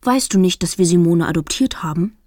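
A woman voicing a mild, kindly older father who speaks gently and a bit muddled. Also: fairly low pitch, lively intonation, fairly quick, dry recording, studio quality.

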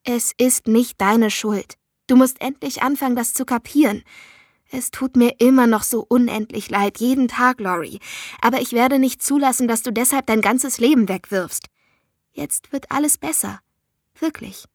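A blunt young woman who pushes hard and swears freely, but means it kindly, as a reader voices her. The voice sits a little high and dry, close to the mic. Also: moderate pace, no room sound. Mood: soft. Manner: forceful, swears, pleading. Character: young woman friend, blunt, fierce, caring.

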